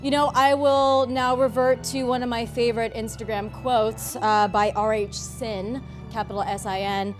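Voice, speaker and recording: High-voiced lady doing a showy lawyer, music under it. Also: fairly even intonation, normal speed, hardly any pauses. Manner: theatrical, grandstanding. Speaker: opposing attorney in improvised comedy courtroom. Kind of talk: improvised comedy.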